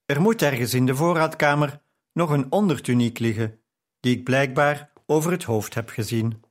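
A man's voice: medium pitch, normal speed, natural voice. A man reading an audiobook, voicing an easygoing young nobleman with a playful, teasing way of speaking. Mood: breezy. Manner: breezy and playful.

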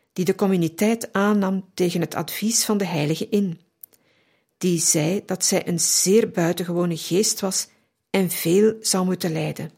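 A woman reads a devotional biography aloud for radio in a calm, measured, reverent way. Her voice is husky and a little gravelly, and she sits slightly low in pitch. She takes her time over every phrase. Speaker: radio reader of a saint's biography. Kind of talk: slow devotional reading aloud.

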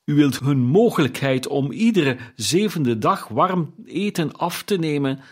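A man's voice: fairly high pitch, animated, a little slow, breathy edge, pitched above the performer's own voice. A man voicing old Scrooge, a miserly old man, in a raised, probing and indignant voice for an audiobook reading. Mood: questioning, indignant.

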